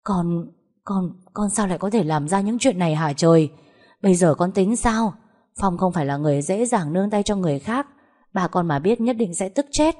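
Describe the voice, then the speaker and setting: A woman's voice: fairly low pitch, expressive, moderate pace, dark tone. A woman voicing a worried older mother who coaxes and soothes in an anxious, protective way.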